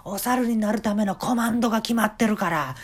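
A man voicing an eccentric middle-aged male restaurant master with a Kansai accent, in a high, drawn-out, teasing voice. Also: husky. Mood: playful teasing. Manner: flamboyant, playful, slightly creepy. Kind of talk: comic storytelling.

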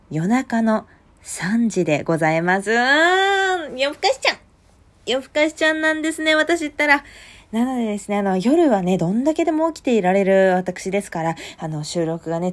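Young woman rambling on her own podcast late at night, chatty, gets loud easily. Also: on the low side. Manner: lively, chatty, jumps to loud bursts. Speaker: podcast host. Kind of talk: casual solo podcast talk. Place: home at night.

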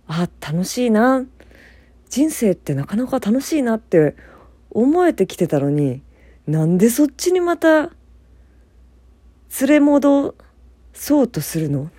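A young woman from Fukuoka talks on her own in a relaxed, chatty way, laughing often and poking fun at herself. Her voice sits low for a woman but swings widely in pitch, with a dark, mellow tone. The sound is dry and close, with no room echo. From Fukuoka, Japan. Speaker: podcast host. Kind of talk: casual solo talk.

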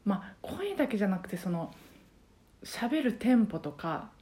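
A woman's voice: mid-range voice, very animated, moderate pace, dark tone. A woman with a Kansai accent, a karaoke teacher talking casually and at length on her own podcast, rambling with many fillers. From Japan. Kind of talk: casual solo podcast chat.

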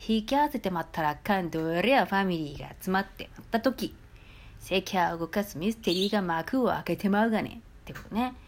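A woman with a Nagoya accent chats casually on her solo podcast, her pitch bouncing lively up and down. She drops in frequent soft fillers and sounds amused. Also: a little fast, slight background noise. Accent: Nagoya dialect. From Nagoya, Japan. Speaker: podcast host.

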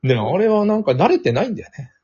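A man's voice: high-pitched, sing-song, rapid-fire, warm tone, slightly rough. A man hosting a casual podcast chat, rambling and laughing often as he talks. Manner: rambling, chatty, laughs often, mixes standard and Kansai speech. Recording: dull lo-fi sound.

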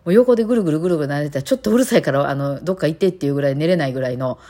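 A woman's voice: low voice, animated, very fast, mellow. A woman with an Osaka accent chatting on her own podcast, rambling with lots of fillers and laughing now and then. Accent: Kansai (Osaka). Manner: chatty, playful imitations of her cats. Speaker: podcast host. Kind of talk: casual solo talk.

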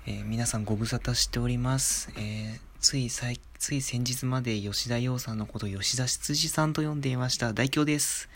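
A young man hosting his own talk show, speaking quietly at home into a phone mic in a relaxed, chatty way. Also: normal speed, hardly any pauses. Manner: hushed, low-volume talk with soft laughs and filler. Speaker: podcast host. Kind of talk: casual solo talk. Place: inside his home, alone. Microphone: phone microphone.

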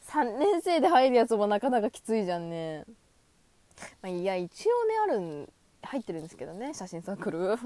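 A young woman in her twenties rambles alone into a close mic, her voice swooping up and down as she acts out little imagined exchanges. She laughs at herself often and keeps an excited, self-mocking energy. The sound is dry, with no room echo. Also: fairly quick. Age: 20s. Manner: animated, high-energy, acts out imagined dialogue; self-deprecating, giggly. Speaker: solo talk podcaster. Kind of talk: casual solo monologue.

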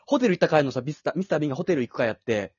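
Male co-host, quick lively husky storyteller, dull lo-fi mic. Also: fairly high pitch, dry recording. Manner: eager storyteller with quick asides. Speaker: podcast co-host. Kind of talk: casual chat between friends. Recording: dull lo-fi dry home recording.

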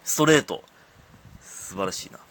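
A man's voice: normal speed, a bit bright. A man with a Kansai accent, a comedian chatting casually on his own talk show, self-deprecating and laughing often at his own stories. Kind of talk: casual solo radio talk.

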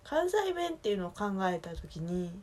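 A woman from Osaka speaking with a Kansai accent, chatting casually alone in a relaxed, rambling way that keeps correcting itself. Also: medium pitch, moderate pace. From Osaka, Japan. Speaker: solo podcast talker. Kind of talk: casual solo chat.

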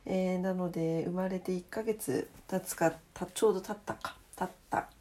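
A woman's voice: lowish voice, steady tone, normal speed, mellow. A woman hosting a casual late-night solo audio diary, speaking in a polite, chatty, self-deprecating way. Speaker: solo audio diary host, radio-DJ style greeting.

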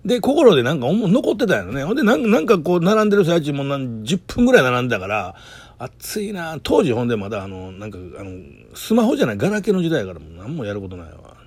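A man with a Kansai accent telling a comic story in an excitable, stumbling monologue as a podcaster. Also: a little high, fast, breathy edge, no room sound. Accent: Kansai Japanese. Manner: excitable, animated, stumbling retelling. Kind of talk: casual comedic storytelling monologue.

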